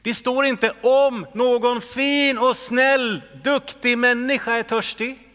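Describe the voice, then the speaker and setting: A man preaching a sermon in a church, moving between soft whispers and loud calls. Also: extremely high pitch, fairly even intonation, in a large hall. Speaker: pastor.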